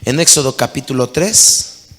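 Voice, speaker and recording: A man's voice: medium pitch, lively intonation, measured pace, fairly bright tone. A man preaching a sermon as pastor, calling out to the congregation with mounting intensity. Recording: long hall reverb.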